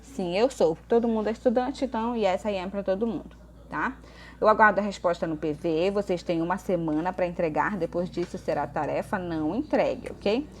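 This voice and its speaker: A woman's voice: fairly low pitch, a little hiss or hum. A woman English teacher with a Brazilian Portuguese accent, explaining grammar in a remote lesson and checking in often with "ok?" and "tá?". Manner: slows down to read English examples aloud.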